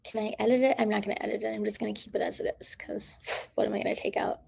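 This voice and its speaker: A woman's voice: medium pitch, fairly even intonation, racing, vocal fry, darkish tone, slight background noise. A woman hosting a casual livestream, rambling with lots of fillers and drifting into whispers, her throat strained from talking. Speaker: livestream host.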